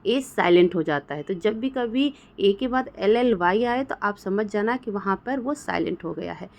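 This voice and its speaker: A woman's voice: mid-range voice, lively intonation, moderate pace, gravelly. A woman from India, patiently explaining English spelling rules as a teacher and often checking that her students follow. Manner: patient, repeats "theek hai" to check understanding.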